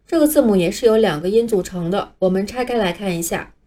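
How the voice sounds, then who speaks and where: A woman teaching English letters, speaking patiently and clearly in a scripted lesson, with Chinese as her first language. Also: mid-range voice, quick pace, warm tone. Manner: patient, clear, modeling pronunciation for learners to repeat.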